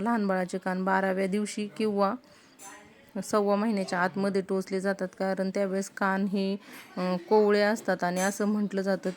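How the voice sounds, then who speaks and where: A woman hosting her family vlog, speaking softly and explaining calmly, with frequent hesitation fillers. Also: mid-range voice. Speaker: family vlogger and channel host. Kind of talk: casual vlog introduction to camera. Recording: loud background noise.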